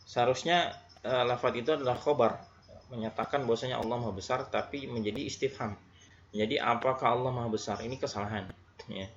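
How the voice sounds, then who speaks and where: A man from Indonesia giving a religious lesson, who tags his phrases with a frequent "ya" and slowly demonstrates Arabic pronunciations. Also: medium pitch, steady tone. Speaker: Islamic teacher. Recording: dull recording with faint background noise.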